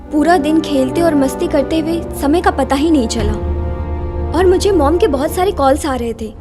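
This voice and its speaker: A woman's voice: sits high, lightly acted. An actress dubbing a frightened young woman who pleads tearfully and does not know what happened. Music plays behind her. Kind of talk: Hindi film dubbing. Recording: film soundtrack with music behind.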